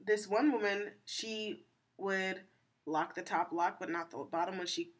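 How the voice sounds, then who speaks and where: A woman's voice: mid-range voice, a little slow. A woman in an easygoing podcast conversation, poking holes in stories and spinning her own theories. She talks in a loose, chatty way with frequent asides and fillers. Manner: skeptical, offers theories and retells anecdotes with asides. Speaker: co-host. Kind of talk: casual podcast chat.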